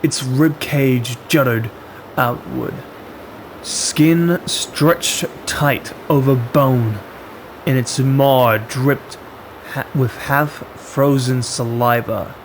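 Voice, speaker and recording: Telling a horror story in a middle-range male voice, a man speaks extremely slowly, chopping sentences into short, dramatic fragments with deliberate pauses. The audio is poor, with a faint, steady hiss and hum underneath.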